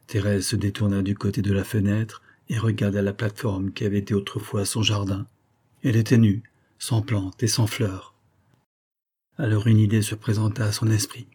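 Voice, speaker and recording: A man reads a classic novel aloud in a measured, even narration. His voice sits low and dark, with a husky grain. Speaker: audiobook narrator. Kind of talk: literary audiobook narration.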